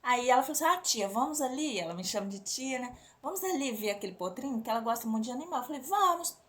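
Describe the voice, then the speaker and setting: A woman's voice: a little high, animated, racing, slight background noise. A woman with a Brazilian accent telling a religious testimony to a congregation, often turning to the listeners as brothers and sisters. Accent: Brazilian Portuguese. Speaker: church member giving a testimony.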